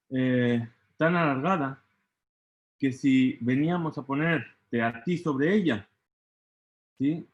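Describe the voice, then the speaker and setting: A man teaching a Talmud study lesson who keeps asking "¿sí?" and trails off into hesitant fillers. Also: mid-range voice. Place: study hall. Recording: dull lo-fi recording.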